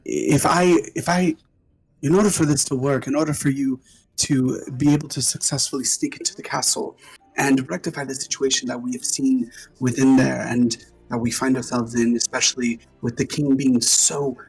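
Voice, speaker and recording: A man voicing a formal, courteous female scientist who is trapped in her laboratory and speaks in halting phrases. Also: mid-range voice, steady tone, breathy edge, soft background music, poor audio. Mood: earnest.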